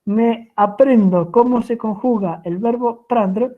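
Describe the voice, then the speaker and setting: A woman's voice: fairly high pitch, takes it slowly. A woman with an Argentine Spanish accent teaching French grammar in an online class, patient and checking in with her students often. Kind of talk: online lecture explaining grammar. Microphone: video call. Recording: tinny phone-like video call audio.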